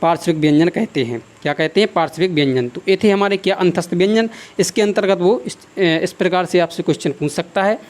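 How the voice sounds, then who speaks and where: A man with a high voice teaches a class in a lecture style. He keeps asking questions and answering them himself. He repeats key terms and dictates notes at a slow, even pace.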